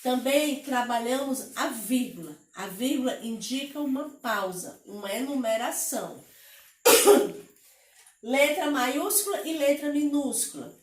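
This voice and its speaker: A woman with a Brazilian Portuguese accent teaching a lesson to children, speaking slowly and patiently and drawing words out syllable by syllable. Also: high-pitched, lively intonation, roomy sound, recorded from a distance.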